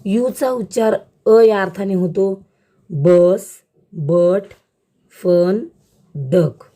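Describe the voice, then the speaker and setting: A woman teacher giving a school lesson on letter sounds, slow, careful and word by word. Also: lowish voice, dark tone.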